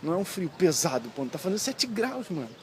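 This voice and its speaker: A man's voice: high-pitched, big pitch swings, fast talker, darkish tone, slight background noise. A young man from Brazil, chatting casually and slangily while walking outdoors as a travel vlogger, easily amazed. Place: outdoors on a town street.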